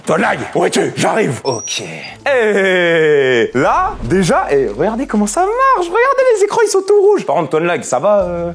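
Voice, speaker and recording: A young man giving excited, slangy commentary to his viewers while searching for someone. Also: medium pitch. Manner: hyped, slangy, keeps addressing "les gars". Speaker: seeker in a hide-and-seek video.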